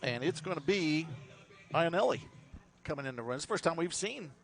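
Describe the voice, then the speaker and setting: A man doing play-by-play for a high school baseball game, chatty and rising sharply in energy on big plays. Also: lively intonation, brisk, faint music behind. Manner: chatty, laughs with his partner. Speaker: play-by-play announcer. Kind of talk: baseball commentary.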